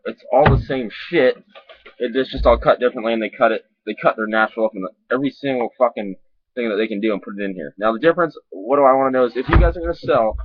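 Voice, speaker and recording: A man talking with a lip full of dip, giving a casual, rambling, sweary and halting review to camera. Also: mid-range voice, no echo. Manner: sweary, informal, halting and repetitive. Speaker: dip reviewer on a video channel. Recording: dull lo-fi sound.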